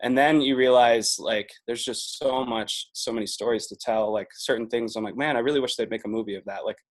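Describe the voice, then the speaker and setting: A man in his twenties talks as a podcast guest in a relaxed, meandering way. He laughs often and keeps reaching for "like" as he goes. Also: medium pitch, a little fast. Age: 20s. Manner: chatty, laughs often, leans on filler "like". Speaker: podcast guest, video producer. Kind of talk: casual podcast chat.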